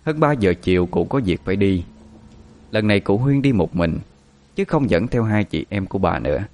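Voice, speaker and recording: Low-voiced storyteller. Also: male voice, lively intonation, moderate pace, darkish tone. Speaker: narrator. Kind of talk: storytelling narration.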